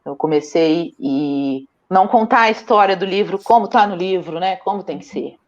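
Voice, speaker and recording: A woman's voice: fairly low pitch, moderate pace, lo-fi sound. A young Brazilian woman with a Brazilian Portuguese accent, a mother talking casually in an interview and telling stories with animation and frequent laughter. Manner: animated storytelling, laughs often.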